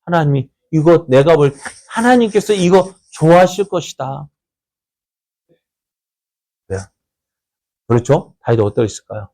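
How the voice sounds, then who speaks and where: A male pastor delivers a sermon in a warm storytelling way, his voice sitting a little higher than most men's. He keeps turning to the congregation with quick rhetorical questions and answering them himself. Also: expressive. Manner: storytelling, conversational preaching.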